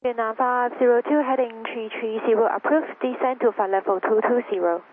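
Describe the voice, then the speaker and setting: A woman's voice: on the high side, steady tone, brisk, phone-quality sound. A woman working as an air traffic controller, giving clipped instructions over aviation radio. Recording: thin, faintly noisy radio transmission.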